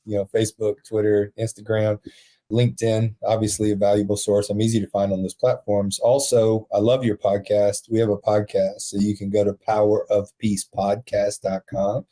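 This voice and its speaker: A man with a low, mellow voice tells a heartfelt story as a podcast guest. He speaks earnestly and with emotion, and soft laughs break into his telling. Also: level tone, normal speed. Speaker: podcast guest, prison ministry founder.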